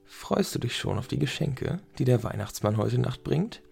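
A man voicing a brisk mother with a reproachful tone. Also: medium pitch, expressive, creaky, a little mellow, breathy edge, full character voice.

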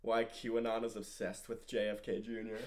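A man's voice: on the low side, level tone, fairly quick, darkish tone, a little hiss or hum. Joking young man on a podcast. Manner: joking, laughs often, tosses in trivia. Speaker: podcast co-host. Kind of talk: casual chat.

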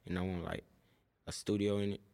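A man's voice: deep voice, little pitch movement, fairly quick, creaky, warm tone. A young man from Tennessee, a podcast guest, chatting casually in laid-back slang about his business. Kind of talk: casual chat.

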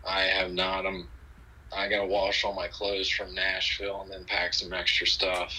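Young guy on a call, husky bright voice, low and slow, kinda hesitant. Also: completely flat delivery, rough recording. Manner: laid-back, halting, says dude a lot. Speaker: phone-in guest. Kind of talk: casual phone chat.

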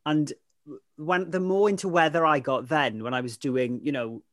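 A man with a high-ish, slightly bright voice holds a steady tone at normal speed, captured dry in studio quality. He's a weather presenter with a Welsh accent, Welsh being his mother tongue, appearing as a casual interview guest and rambling about his career with frequent "you know" fillers.

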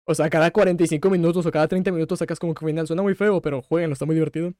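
A young Mexican man speaks in a fairly high voice, hosting his own podcast. He retells a story at length and gets openly emotional, swearing now and then. The sound is dry and close, with no room echo. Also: steady tone, very fast, a little mellow. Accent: Mexican Spanish. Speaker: podcast host. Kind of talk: casual solo podcast.

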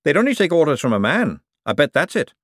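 A man voicing a fiery young woman who talks sharply and insistently, pitched higher than his own voice. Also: very animated, quick pace, no echo, studio quality. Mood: demanding.

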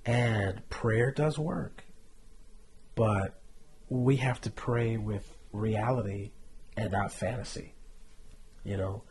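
Brief: man sharing testimony, earnest and reflective, gravelly voice, faint noise behind. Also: lowish voice, slow pace, pauses often, a little mellow. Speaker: podcast co-host sharing testimony. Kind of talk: candid faith testimony.

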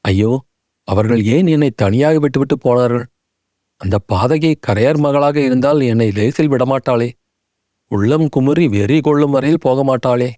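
An aging king cries out in anguish and begs a ghost he cannot see to spare his children, as a man reads him aloud in an audiobook. The voice is mellow and warm, and the recording is dry and close. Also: medium pitch, normal speed, no room sound, lightly acted. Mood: anguished pleading. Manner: pleading, anguished inner cry.

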